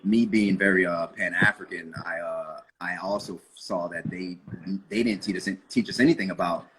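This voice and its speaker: A deep-voiced man from Florida speaks as a guest over a video call. He answers at an easy pace, stopping and restarting his thoughts. Light background hiss runs under his voice. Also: moderate pace, low-quality recording. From United States (Florida). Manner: relaxed, hesitant, many fillers and restarts. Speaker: guest, audiobook company founder. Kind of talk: casual interview answers.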